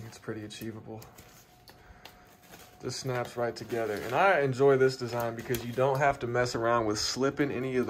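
A man's voice: medium pitch, a little hiss or hum. Chatty young man vlogging at home. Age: young adult. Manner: relaxed, chatty, talks to the camera and his dog. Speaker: outdoor gear vlogger. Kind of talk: casual vlog walkthrough. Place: home basement room, indoors. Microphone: phone camera held close.

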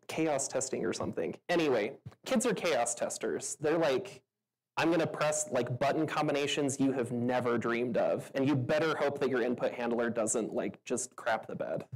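A woman with a very deep voice and darkish tone answers questions from a meetup audience on a venue stage. She's chatty and easygoing, leaning heavily on fillers and laughing a lot, and the audio is poor.

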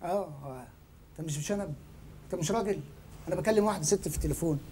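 Egyptian man, bewildered, defensive, quick speech, faint noise. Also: high-pitched, warm tone. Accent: Egyptian Arabic. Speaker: prank victim.

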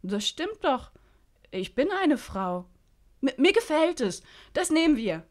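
A woman's voice: high-pitched, sing-song, slow, pitched above the performer's own voice, heavily acted. Woman reads blunt, dry near-forty woman, sighing at the fashion. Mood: pleased. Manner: dry, exasperated retorts.

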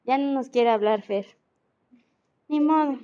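Teaching online through a video call, a woman with a Mexican Spanish accent goes patiently through the material and makes sure the students are keeping up. She speaks in a high, smooth, unhurried voice, and the audio has its highs cut off.

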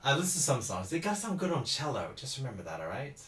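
Laughing a lot as he reads viewer comments aloud, a man in his thirties from Houston, Texas, who teaches cello, chats through a live-stream Q&A. He talks quickly in a mid-range, fairly bright voice with big pitch swings, in a small home room with roomy echo.

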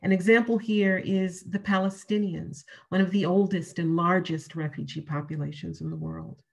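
Husky-voiced woman giving a measured keynote. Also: fairly low pitch, fairly even intonation, darkish tone. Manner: measured, emphatic repetition of key phrases. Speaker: keynote speaker. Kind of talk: prepared keynote lecture. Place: home room by a window. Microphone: webcam on a video call.

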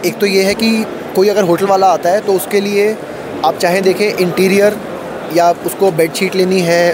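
A man in his thirties representing a food company, explaining products in a trade fair interview into a handheld mic. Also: high voice. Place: busy indoor expo stall. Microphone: handheld mic held by interviewer. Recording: noisy expo hall.

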